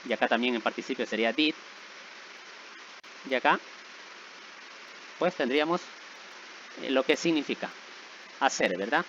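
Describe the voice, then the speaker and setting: Male teacher, middle pitch, patient and methodical, dull lo-fi sound. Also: a bit bright, slight background noise. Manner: patient, repeats checks like "¿verdad?" and "¿sí?". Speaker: English teacher. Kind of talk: explaining grammar rules.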